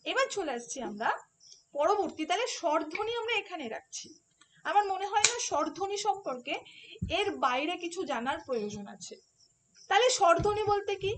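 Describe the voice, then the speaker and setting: A woman teaches an online exam-prep class in a fairly high voice. She explains each point step by step and keeps asking rhetorical questions. Faint noise sits under her voice. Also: expressive, fairly quick, fairly bright tone.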